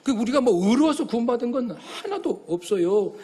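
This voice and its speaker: A middle-aged man delivers a sermon from the pulpit. His voice sits high for a man. He preaches with feeling and acts out the voices of the people in his story. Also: moderate pace. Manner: animated preaching, acting out voices of God and congregants. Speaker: pastor.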